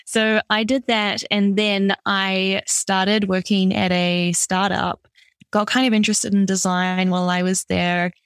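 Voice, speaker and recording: A woman's voice: mid-range voice, little pitch movement, a little slow, clear, resonant tone, no echo, clean studio sound. A young woman with a New Zealand accent, a product designer chatting as a podcast guest in an upbeat, easygoing way. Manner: upbeat, chatty, lots of "like" fillers. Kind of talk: conversational interview.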